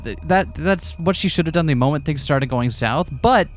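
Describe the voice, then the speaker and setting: A man's voice: on the high side, expressive, normal speed, faint music behind. A man co-hosting a let's play, switching between casual commentary and reading a visual novel aloud with playful, theatrical asides.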